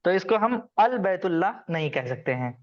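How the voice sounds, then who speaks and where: A man teaching a class, his voice a bit higher than most men's. He explains rules patiently and quizzes his students by name. The sound is dull and lo-fi. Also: sing-song, moderate pace. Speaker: Arabic grammar teacher. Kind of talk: online class lecture.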